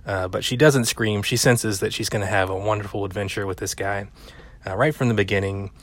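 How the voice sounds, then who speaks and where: A man's voice: lowish voice, fairly even intonation, brisk, a bit bright, no echo. A man casually recapping a film in a rambling, chatty way, with lots of fillers and the odd curse word. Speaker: film commentator.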